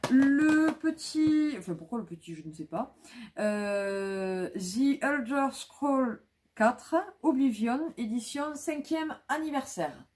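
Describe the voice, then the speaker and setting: A woman's voice: high voice, animated, takes it slowly, darkish tone. A woman vlogging casually about flea market finds, talking with many fillers and restarts.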